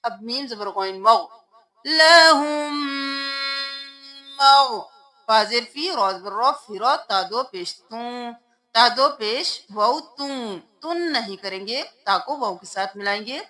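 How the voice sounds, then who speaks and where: A woman's voice: a little high, bright, forceful tone. A woman teaching Quran recitation, patiently spelling out words letter by letter in a tajweed lesson.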